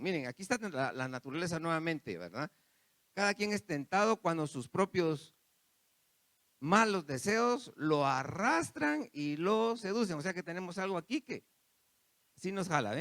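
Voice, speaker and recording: A man's voice: sits high, fairly bright tone, dry recording. A man preaching a sermon, repeating phrases and turning to the congregation with asides. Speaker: pastor.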